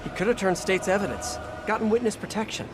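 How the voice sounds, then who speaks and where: A man's voice: high-pitched, fast, lightly acted. An American man playing a quippy, earnest young superhero in a video game, talking in a wry, casual way. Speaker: video game lead character. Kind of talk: video game voice acting, conversational.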